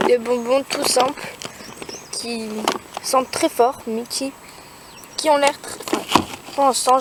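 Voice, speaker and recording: Teenage girl, first-time vlogger, hesitant with lots of fillers, slightly high voice, heavy noise behind. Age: teens. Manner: hesitant, many fillers and restarts. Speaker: youtuber. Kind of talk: casual show-and-tell vlog. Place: in the boot of a car.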